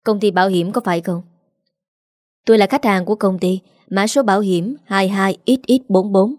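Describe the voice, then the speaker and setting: A woman voicing a scheming middle-aged man who fakes grief, talking quickly and defensively. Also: medium pitch, darkish tone, no room sound, clean studio sound, close to an everyday voice. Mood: brisk.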